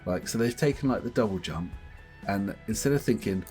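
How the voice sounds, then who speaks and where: Male co-host, low voice, very lively delivery, laughs a lot, casual gaming chat. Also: a little fast, faint music behind. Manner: animated, laughs often, puts on voices to mimic others. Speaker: podcast co-host. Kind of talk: casual chat about games.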